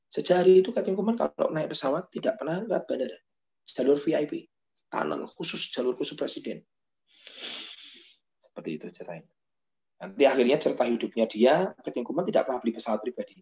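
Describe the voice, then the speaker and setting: A man preaching a sermon as pastor, telling stories in a lively way and acting out the voices of the people in them. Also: a little high, vocal fry, highs cut off. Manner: animated storytelling, acts out quoted voices.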